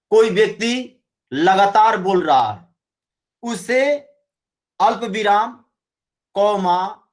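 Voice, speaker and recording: A man teaching a Hindi grammar lesson, explaining slowly and often checking with his students. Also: high-pitched. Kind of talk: classroom lecture.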